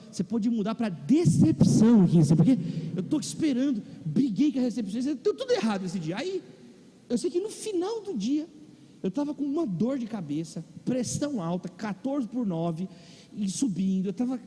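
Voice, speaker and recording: Very animated and a little fast, a male pastor with a high, warm, slightly rough voice delivers a sermon featuring a funny personal story. His accent is Brazilian Portuguese, and the long reverb suggests a large church or auditorium.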